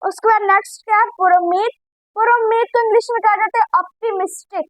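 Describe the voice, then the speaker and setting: Woman teacher, very high pitch, unhurried word-by-word drilling, dry close sound. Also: steady tone, dry recording, poor audio. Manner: repeats each word slowly, drilling pronunciation. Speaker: English vocabulary teacher. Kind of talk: vocabulary drill lesson.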